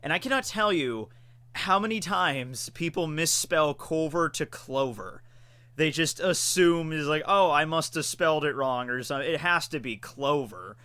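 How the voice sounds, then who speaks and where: A man's voice: fairly high pitch, moderate pace, sharp tone, smooth, no room sound. Chatty young man reading his stream chat. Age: 20s. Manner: chatty, laughs often, reads and answers chat questions. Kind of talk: casual live-stream chat.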